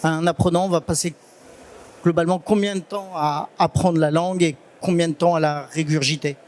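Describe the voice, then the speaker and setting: A man's voice: a little high, fairly even intonation, normal speed, a little mellow, a little hiss or hum. A man in the audience methodically asking questions at a conference. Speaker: audience member.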